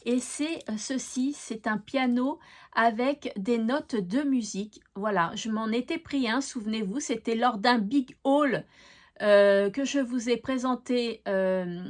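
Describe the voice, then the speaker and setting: A woman hosting a craft channel, chatting fondly to viewers as she presents giveaway prizes, with lots of fillers along the way. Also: a little high.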